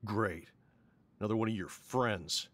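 A man's voice: on the low side, a little slow, fairly bright tone. An American actor playing an authoritarian middle-aged stepfather in a video game, stern and commanding as he interrogates. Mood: suspicious, angry. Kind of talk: video game drama acting.

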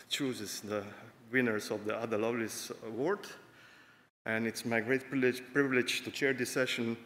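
A man's voice: mid-range voice, fairly bright tone. Man chairing a session in a hall. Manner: halting, many fillers. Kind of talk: introducing a speaker. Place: large conference stage. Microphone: podium microphones. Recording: echoey hall with long reverb.

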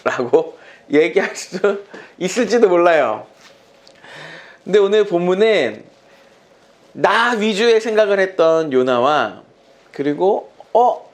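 A man's voice: sits high, slow. A middle-aged male youth pastor preaching a sermon to teenagers in a chatty, storytelling way with playful asides. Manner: animated storyteller, acts out quotes, chatty with asides.

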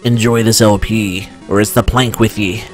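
A man's voice: lowish voice, level tone, moderate pace, lightly acted. A man putting on a threatening male pirate captain voice for a moment. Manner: mock-menacing pirate talk. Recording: faint game music behind.

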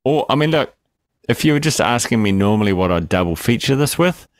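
A man's voice: medium pitch, lively intonation, brisk. A man co-hosting a film review podcast, joking and rambling in casual banter, with fillers and swearing.

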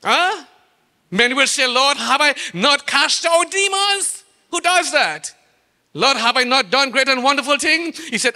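A male preacher with a Trinidadian accent and a very high, ringing, bright voice delivers a sermon. He fires off rhetorical questions and draws out key phrases for weight. His voice carries the long reverb of a church hall. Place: church sanctuary.

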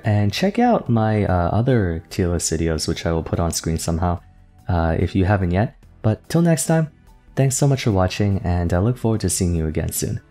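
A man hosting a gaming video in casual unscripted commentary, thinking aloud and changing his mind, his voice going hoarse. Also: sits low, dark tone. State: losing his voice.

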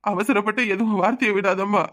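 A man's voice: sits high, fairly even intonation, fast, a bit bright. A man voicing a grieving old village husband, with a wailing, tearful way of talking in a cartoon. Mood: pleading. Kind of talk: cartoon voice acting.

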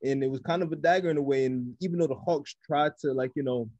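A man's voice: on the high side, quick pace, dark tone, no echo, lo-fi sound. A man co-hosting a casual basketball podcast, talking in a laid-back, teasing way full of fillers. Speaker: podcast co-host. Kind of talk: casual sports chat.

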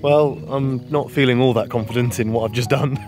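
A man's voice: mid-range voice, steady tone, brisk. A young man vlogging outdoors by a lake, talking casually to a handheld camera with wry, self-deprecating asides. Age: young adult. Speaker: fishing vlogger. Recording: music bed underneath.

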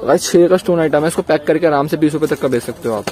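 A man's voice: on the high side, rapid-fire, dark tone. A young man vlogging in a crowded wholesale shop, eagerly showing products to his viewers and praising each one, filmed on a handheld phone. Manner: eager, repeats praise, addresses viewers as friends. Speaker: YouTube business vlogger. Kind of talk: enthusiastic product showcase vlog.

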